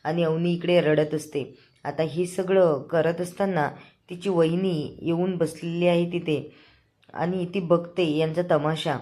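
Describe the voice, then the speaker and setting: A woman's voice: lowish voice, fairly even intonation, measured pace, dark tone. A woman host casually retelling the latest episode of a TV serial in a chatty present-tense way. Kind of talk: casual storytelling recap.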